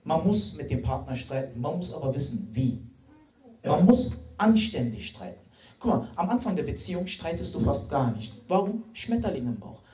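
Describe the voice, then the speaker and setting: A man's voice: a little high, big pitch swings, moderate pace, warm tone. A man in his late twenties doing stand-up comedy on stage, chatty and talking straight to the crowd. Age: late 20s. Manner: chatty, many fillers and restarts, addresses the crowd. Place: stage in a hall. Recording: echoey hall, mic far off, crowd laughing.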